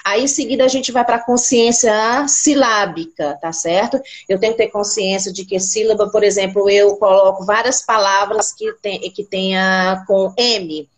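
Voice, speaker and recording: A woman's voice: medium pitch, fairly even intonation. Brazilian woman teacher, patient and didactic, spells out sounds. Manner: didactic, repeats words slowly, asks rhetorical questions. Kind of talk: explaining classroom activities.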